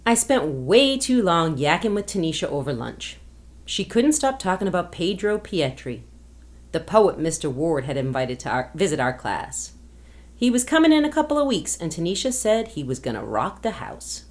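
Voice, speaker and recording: A woman reading a novel aloud to a class as a guest reader, in an expressive storytelling manner. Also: fairly low pitch, normal speed.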